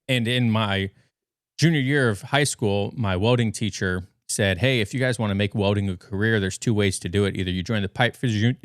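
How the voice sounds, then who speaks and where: A fairly low, smooth voice belongs to an American man in his thirties from the western United States, guesting on a podcast and telling rambling, informal stories. He's recorded in his bedroom at home, with a dry, studio-quality sound.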